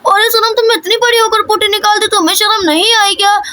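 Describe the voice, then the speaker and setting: A woman's voice: very high voice, steady tone, fairly quick, pushed and bright. A woman voicing a scolding village mother in a cartoon.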